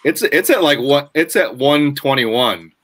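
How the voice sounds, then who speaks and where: A man's voice: mid-range voice, animated, unhurried, a bit bright. A man talking casually as a DJ guest, explaining with stumbling restarts. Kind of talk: casual chat.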